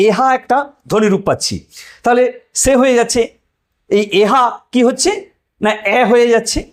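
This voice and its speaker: High-voiced man teaching a language lesson. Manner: rhetorical questions, repeats examples slowly. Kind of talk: explanatory lecture.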